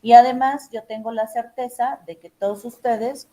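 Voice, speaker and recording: A woman's voice: on the high side, steady tone, normal speed, dark tone, low-quality recording. A woman teacher giving emphatic, direct instructions to her students in an online class session.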